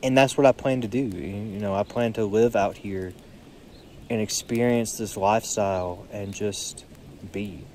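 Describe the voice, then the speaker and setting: A tired young man musing aloud in a solo vlog, seated outdoors by a creek, filling his pauses with "you know". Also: lowish voice, steady tone, a little mellow, slight background noise. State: tired, yawning. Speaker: podcast vlogger. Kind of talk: reflective solo monologue. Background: faint creek water and birdsong.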